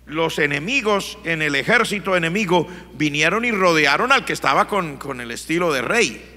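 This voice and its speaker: A man's voice: fairly high pitch, lively intonation, moderate pace, pushed and bright. A male pastor, preaching a sermon in an emphatic storytelling manner. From Colombia. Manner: storytelling, emphatic, plays the characters. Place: church. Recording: long church reverb.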